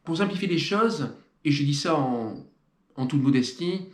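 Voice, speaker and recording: A man's voice: a little high, animated, a little slow, roomy sound. A man hosting a trail running video, with playful, mock-solemn scripted commentary and theatrical emphasis.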